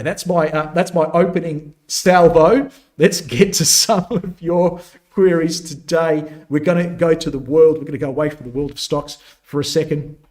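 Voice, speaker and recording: Chatty male market analyst. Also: medium pitch. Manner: conversational and opinionated, frequent fillers and restarts; gets emphatic and punchy when making a point. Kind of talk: live market analysis stream.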